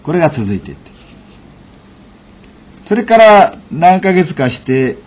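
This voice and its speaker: Lively-pitched man telling a lesson story. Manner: measured, unhurried delivery with frequent fillers. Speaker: lecturer. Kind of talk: storytelling lecture.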